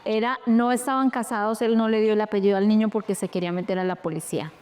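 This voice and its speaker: A Colombian woman, an interview guest, retelling a painful personal story in a lively, animated way with quoted dialogue. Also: medium pitch, fast, slight background noise.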